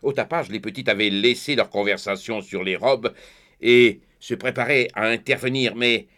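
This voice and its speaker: A man's voice: medium pitch, moderate pace. Man narrating a storybook tale. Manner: lively, expressive reading. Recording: faint background music.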